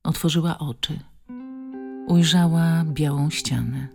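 A woman narrating an audiobook in a measured, calm reading. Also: low voice, creaky, soft background music. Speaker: audiobook reader.

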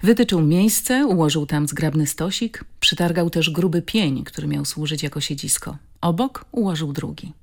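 A woman narrating an audiobook in a calm, measured, expressive reading style. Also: sits low, vocal fry. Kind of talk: scripted narration.

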